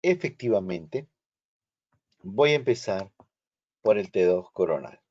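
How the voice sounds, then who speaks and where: Slow, low-voiced man teaching online. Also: lively intonation, a little mellow, dull audio. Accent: Rioplatense Spanish. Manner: slow, explanatory, checks understanding. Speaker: instructor. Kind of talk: online lecture. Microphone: video call.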